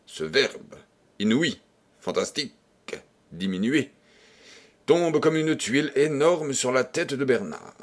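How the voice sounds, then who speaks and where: A man reading a novel aloud as an audiobook narrator, expressive and deliberate. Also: mid-range voice. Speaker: audiobook reader.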